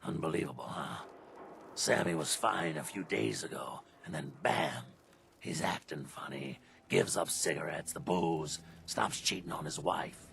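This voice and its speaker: A gravelly, bitter town guard. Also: male voice, extremely low pitch, measured pace, a bit bright, exaggerated voice. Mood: bitter, weary. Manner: colloquial, weary, terse. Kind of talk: video game character acting. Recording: clear background noise, game ambience.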